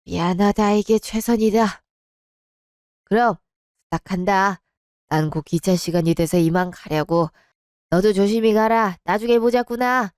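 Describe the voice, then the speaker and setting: A woman voicing a resigned middle-aged father who speaks low and heavy in old-fashioned phrasing. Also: unhurried, long pauses, a little mellow, clear, resonant tone, dry recording, clean studio sound, close to an everyday voice. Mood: somber.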